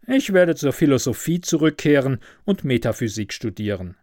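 A man voicing an impulsive, self-absorbed young student in a fairy tale, with loud, excited exclamations. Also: mid-range voice, moderate pace, no room sound, studio quality, natural voice. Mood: sulky.

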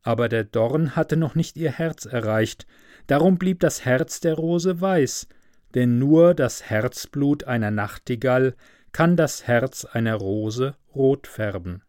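A man reading a fairy tale aloud with slow, measured, expressive narration. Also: mid-range voice, dry recording, clean studio sound. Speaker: storyteller. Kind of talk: storybook reading.

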